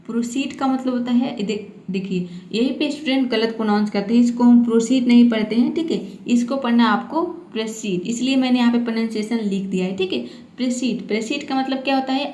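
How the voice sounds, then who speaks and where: A woman who teaches English vocabulary in a patient manner. She spells out words and repeats them slowly, adding a steady "okay" after each point. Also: on the high side, reverberant. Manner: patient, repeats "ठीक है" often. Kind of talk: vocabulary lesson.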